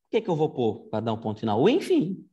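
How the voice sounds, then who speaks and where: In a muffled recording, a Latin teacher with a mid-range, dark-toned voice talks quickly, his pitch swinging widely. His online lesson is casual and conversational, explained step by step with plenty of "né?" check-ins.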